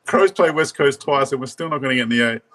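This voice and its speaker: An Australian man talks through football casually as a podcast panellist. His voice is bright and forceful, at an average male pitch. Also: quick pace, a little hiss or hum.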